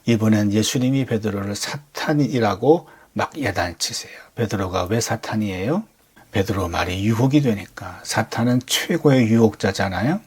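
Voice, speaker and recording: A man's voice: fairly low pitch, a little mellow, husky. A man preaching a Sunday sermon as a pastor, talking conversationally and firing off rhetorical questions.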